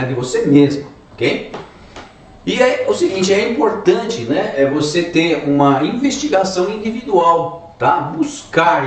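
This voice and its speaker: A man with a Brazilian Portuguese accent giving a self-help talk, explaining step by step and tagging his sentences with "tá?" and "né?". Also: a little high. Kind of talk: motivational talk to camera. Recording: echoey room, mic at a distance.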